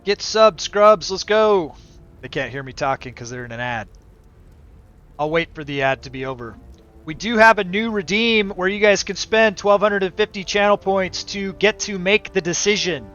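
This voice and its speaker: A man's voice: high voice, steady tone, normal speed, fairly bright tone. Game stream host: middle-aged man, casual chat, dull lo-fi mic, light background music. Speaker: livestream host.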